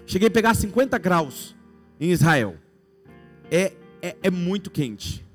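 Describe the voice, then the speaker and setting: A Brazilian preacher with a very high voice delivers a sermon in a playful storytelling way. He acts out imagined scenes for his listeners with a Brazilian Portuguese accent. Faint music sits behind his voice. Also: big pitch swings, unhurried.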